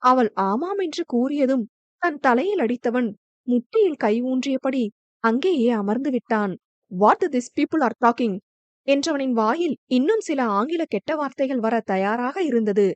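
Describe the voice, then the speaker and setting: A woman narrating a romance novel as an audiobook reader, in an even storytelling manner. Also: high-pitched, moderate pace, no echo. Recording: dull, dry lo-fi recording.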